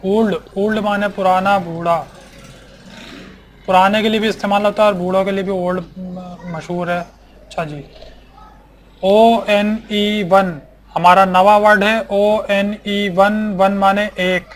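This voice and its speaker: Man teacher, high voice, flat delivery, unhurried, spells and repeats every word, faint hiss behind. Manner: spells out words letter by letter and repeats them. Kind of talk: slow English vocabulary lesson.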